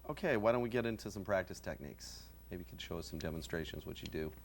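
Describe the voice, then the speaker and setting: Deep-voiced man, off-mic interviewer. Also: expressive, fast talker, creaky, a little hiss or hum. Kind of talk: interview prompts.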